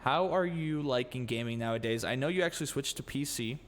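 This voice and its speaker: A podcast host with a brisk, medium-pitched voice keeps things casual, joking, teasing his guest and swearing freely. The recording has a long room reverb and faint noise.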